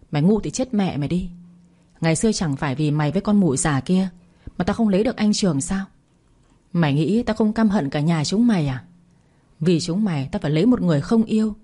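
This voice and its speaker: A woman narrator voicing a spiteful scheming woman nurse who spits out a bitter confession, with a low, mellow and husky voice. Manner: shouting confession, bitter and vicious.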